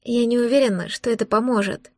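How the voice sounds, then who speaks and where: A woman's voice: a little high, fairly quick, no echo, studio quality, close to an everyday voice. A woman voicing a tearful, anxious young princess who pleads and frets, in an audiobook. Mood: tearful, pleading. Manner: pleading, sobbing, flustered. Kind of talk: audiobook dialogue.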